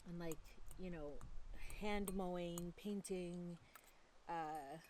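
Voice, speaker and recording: A woman's voice: fairly low pitch, steady tone, a little mellow, slight background noise. A woman, chatting in an upbeat, casual way on a vlog. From Canada. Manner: chatty, upbeat, quick to laugh. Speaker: vlogger. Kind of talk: casual chat. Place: countryside home, birds around.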